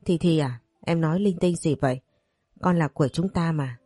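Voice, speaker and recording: A woman's voice: low voice, moderate pace, dark tone, husky, no room sound, clean studio sound, soft background music. A woman reading as a soothing young husband.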